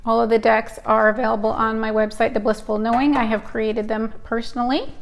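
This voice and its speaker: A woman's voice: fairly high pitch, level tone, brisk, vocal fry. A middle-aged woman hosting a casual live-stream card reading, chatty and rambling, often cutting herself off mid-thought. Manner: chatty, rambling, hyper and self-interrupting.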